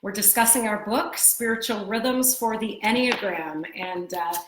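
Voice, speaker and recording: A woman's voice: medium pitch, unhurried, fairly bright tone, slight background noise. Woman explaining a book on a live stream. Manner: explanatory, teaching tone. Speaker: co-host and author. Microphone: live video stream. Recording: roomy echo.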